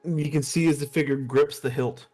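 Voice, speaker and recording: A man's voice: a little high, fairly even intonation, normal speed, a little mellow. A man acting as game master, narrating a tabletop role-playing game. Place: online voice call. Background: background music.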